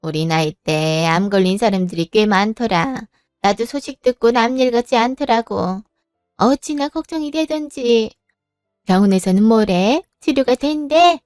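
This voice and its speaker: A woman playing a brisk, caring older mother-in-law in a spoken story, firm and scolding yet reassuring. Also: on the high side, darkish tone, smooth, dry recording, studio quality, soft background music, close to an everyday voice.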